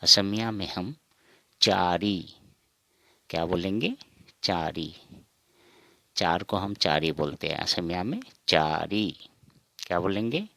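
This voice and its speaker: Slow, gravelly low-voiced man teaching. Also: bright, forceful tone, no room sound. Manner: repeats each word, asks and answers himself. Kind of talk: slow spoken counting lesson.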